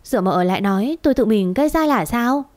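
A scheming young maid who turns tearful and stubborn to get her way, read by a woman storyteller. Her pleading lines rise a little higher and come faster. She whines and refuses in the same breath. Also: animated, darkish tone, no echo, lightly acted. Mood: whining. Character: scheming young female servant, tearful and defiant. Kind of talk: storybook reading.

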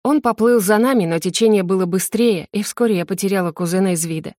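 A woman narrating a first-person fantasy audiobook in a gentle, expressive storytelling manner. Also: medium pitch, fast, dry recording, studio quality.

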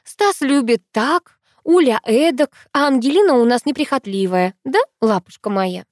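A woman's voice: high-pitched, expressive, normal speed, no room sound, studio quality, pitched above the performer's own voice. Brief: woman reading as a folksy, fussing older housekeeper, lilting. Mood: fussy kindly.

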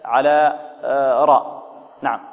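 A man's voice: mid-range voice, fairly even intonation, measured pace. A male teacher giving a Quran recitation lesson, posing quiz questions to his students and modelling how each letter should sound. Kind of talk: tajweed lesson. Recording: dull lo-fi recording with long hall reverb.

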